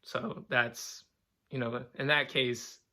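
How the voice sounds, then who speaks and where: Bright-voiced young man rambling casually. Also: medium pitch, fairly even intonation, takes it slowly. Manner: rambling, profane, filler-heavy with "like". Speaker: vlogger. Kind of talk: casual vlog monologue.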